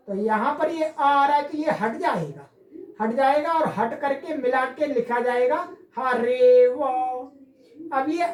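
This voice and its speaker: A woman's voice: high voice, echoey room, poor audio. A woman teaching Sanskrit grammar, explaining step by step and asking and answering her own questions. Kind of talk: classroom lecture.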